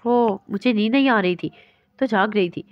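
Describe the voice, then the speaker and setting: A woman's voice: mid-range voice, dry recording, dull audio, lightly acted. A woman reading a shy, sulky young girl. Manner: childlike, pleading.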